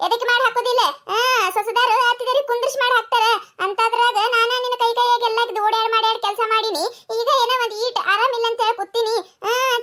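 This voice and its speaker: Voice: very high-pitched, sharp tone. A performer voicing a scolding older village mother-in-law in a cartoon, with a North Karnataka Kannada accent. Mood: nagging. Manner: nagging, scolding. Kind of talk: cartoon comedy voice acting.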